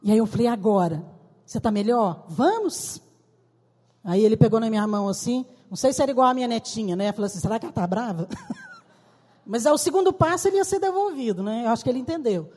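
An older woman preaches a sermon in a husky, firm voice that sits a little high. She leans into phrases and stretches them out for emphasis. Her voice rings with a long reverb, as in a large church hall. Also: lively intonation, fast, warm tone.

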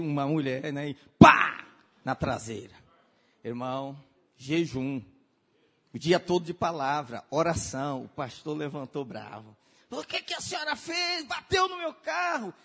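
A man preaching a sermon, telling stories in a lively way and acting out the people in them. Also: on the high side, creaky, husky, big-room sound. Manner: lively, animated storytelling with acted-out voices. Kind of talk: storytelling sermon.

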